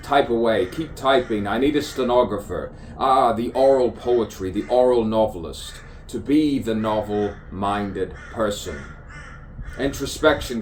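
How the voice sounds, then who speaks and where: Here a poet with a fairly low-pitched, darkish voice spins out spoken-word verse on the spot, theatrical and musing, circling back to the same phrases and playing with rhyme. The distant microphone picks up clear street ambience on the avenue, including cawing crows and other birds.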